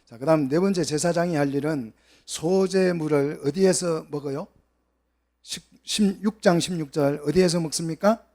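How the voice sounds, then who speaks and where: A man preaching a Bible exposition sermon, questioning the congregation and swinging between soft asides and loud, emphatic peaks. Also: on the high side, normal speed. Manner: asks the congregation questions and acts out quoted voices.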